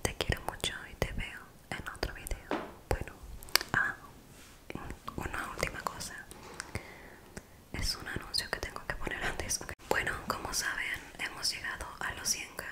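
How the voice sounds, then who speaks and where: A young adult woman doing whispered ASMR in a soft, breathy, hushed and intimate voice, close to the microphone. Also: moderate pace, long pauses. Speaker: ASMR video creator. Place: small bedroom, indoors. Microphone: close desk microphone.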